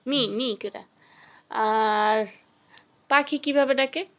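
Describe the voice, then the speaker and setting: A woman's voice: a little high, slow pace, muffled recording. A young woman, talking playfully with her toddler at home and coaxing the child with sing-song questions. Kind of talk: casual home video chat with a small child.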